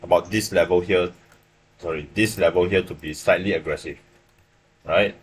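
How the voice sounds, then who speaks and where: A man's voice: low voice, fairly even intonation, normal speed, a little hiss or hum. A young man from Malaysia with a Malaysian English accent, casually walking viewers through his trades on a live stream and often checking in with "right?". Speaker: livestream forex trader. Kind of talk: live trading stream commentary. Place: small room indoors.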